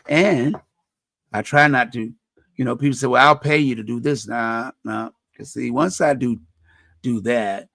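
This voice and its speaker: Reflecting on faith and service to others, a middle-aged community radio host speaks with earnest conviction, frequently starting phrases over. His deep voice is gravelly and slightly bright, captured without any echo.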